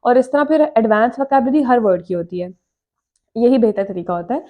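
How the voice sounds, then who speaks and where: A woman's voice: a little high, lively intonation, moderate pace, narrow, tinny audio. A woman English teacher answering viewer questions in a casual vlog lesson, explaining step by step with simple examples.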